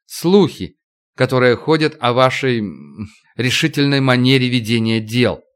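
A man voicing a polite, cautious aristocratic count who speaks in a formal, measured way. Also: medium pitch, expressive, smooth, natural voice. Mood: courteous.

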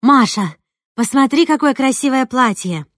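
A woman doing a loud, harried mother. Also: sits high, expressive, normal speed, dry recording, clean studio sound, voice pushed up. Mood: excited.

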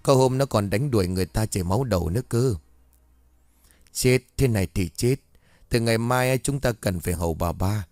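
A man's voice: fairly low pitch, fairly quick, darkish tone, no room sound, lightly acted. A man voicing frightened household servants gossiping behind a door in a ghost story. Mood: gossipy. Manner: gossipy, whispering behind doors.

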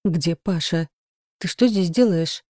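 A woman's voice: slow pace, warm tone, dry recording, clean studio sound. A woman voicing a young woman who is frightened yet defiant, speaking shrilly. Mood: scared, defiant. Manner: shrill, challenging.

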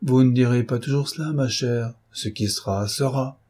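A man playing a deadpan unruffled old clerk. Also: mid-range voice, moderate pace, slightly rough, natural voice. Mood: detached. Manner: unruffled, detached. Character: phlegmatic one-eyed old clerk, deadpan. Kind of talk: audiobook reading.

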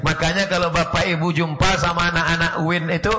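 A man preaching in a mosque with a high voice. He tells his sermon as lively stories, mixing in jokes and quoted foreign phrases. The recording sounds dull and lo-fi, with clear noise behind him. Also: brisk. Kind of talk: sermon to a congregation.

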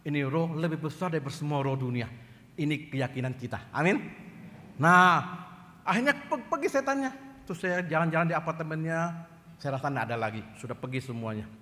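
Pastor, male, high bright voice, lively storytelling sermon, church hall echo. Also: brisk. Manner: animated, acts out dialogue in quoted voices.

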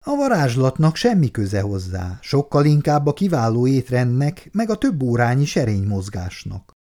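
A man voicing a gentle, sensible older woman and grandmother in an audiobook. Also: medium pitch, big pitch swings, lightly acted.

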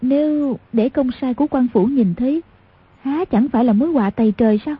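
A kind, easily frightened young wife speaks in a high, very airy falsetto, put on by a male narrator. Her lines come soft and anxious. The sound is thin and phone-like, as from an old radio broadcast. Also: brisk, slightly rough, heavily acted. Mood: worried. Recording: lo-fi radio recording.

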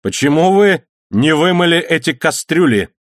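Brief: man playing a stern, loud ship's mate dressing down a cook, raised pitch, audiobook. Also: animated, fast talker, no echo, clean studio sound. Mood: scolding. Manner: stern, scolding. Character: sharp-tongued male ship's mate, scolding.

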